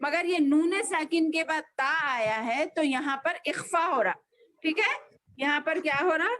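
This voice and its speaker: Slow high-voiced woman teaching Quran. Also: a bit bright. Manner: slow, patient, drawn-out spelling of letters. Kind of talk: online class, spelling out Quran recitation. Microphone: video call.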